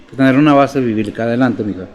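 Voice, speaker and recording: A man's voice: mid-range voice, quick pace, dull audio. Man preaching a sermon. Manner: preaching with questions to the congregation. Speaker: pastor.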